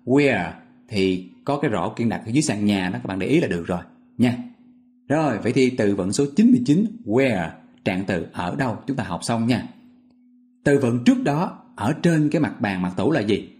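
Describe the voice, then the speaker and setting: Man, medium pitch, patient teacher, explains step by step, quizzes listeners. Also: lively intonation, normal speed, darkish tone. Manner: patient, repetitive, asks listeners questions. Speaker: English vocabulary teacher. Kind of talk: explaining memory tricks step by step.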